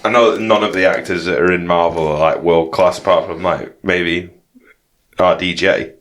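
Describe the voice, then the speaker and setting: A man's voice: low-pitched, fairly even intonation, normal speed, fairly bright tone, slight background noise. A young man co-hosting a casual podcast over drinks, talking bluntly and swearing freely. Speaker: podcast co-host.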